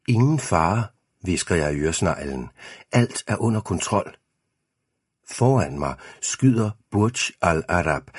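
A man reading an audiobook aloud in steady, measured first-person narration. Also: deep voice, husky, dry recording, studio quality. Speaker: audiobook reader.

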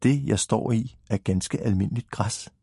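A man's voice: fairly low pitch, creaky, dark tone, slightly rough, no echo, studio quality. A man voicing a bossy, pert little girl who talks like a know-it-all.

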